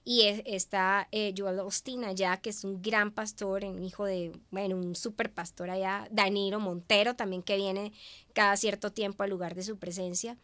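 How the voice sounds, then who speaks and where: Expressive Venezuelan-born woman, dry sound. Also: medium pitch, moderate pace, dry recording. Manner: expressive, emotional, acts out her own past words. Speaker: guest, media professional. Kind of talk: conversational interview storytelling.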